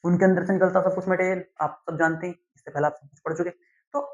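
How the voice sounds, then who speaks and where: A young man, teaching a class lesson slowly and deliberately, often checking in with his students. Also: high voice, little pitch movement. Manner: slow, deliberate explaining with frequent "theek hai" check-ins. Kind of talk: classroom lecture. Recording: dull lo-fi sound.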